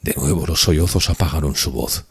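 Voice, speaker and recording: A male audiobook narrator reads a classic novel in an earnest, steady first-person voice. His voice sits very low, with a husky, breathy texture. The delivery stays measured and literary.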